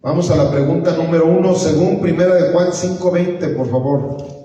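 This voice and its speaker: With a warm, slightly high voice at normal speed, a man teaches a church evangelism class, urging the group in a preachy, encouraging tone to read verses aloud. The sound is distant and echoey, with faint room noise.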